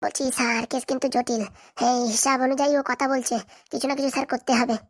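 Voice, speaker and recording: A woman putting on a sly cartoon village fixer with a deep, rough voice. He talks fast and conspiratorially, nudging the other characters toward a deal. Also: little pitch movement, dry recording, clean studio sound. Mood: scheming. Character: sly grown man, village fixer, wheedling.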